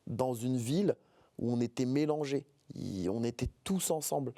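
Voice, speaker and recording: An interview guest in his forties from the Paris suburbs in France speaks earnestly, often hesitating and repeating words. His mid-range voice is warm, moderately paced and recorded dry.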